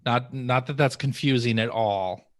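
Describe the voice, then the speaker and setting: A man's voice: medium pitch, measured pace, no room sound, studio quality. A man hosting a podcast, reading out news items in casual chat. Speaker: podcast host.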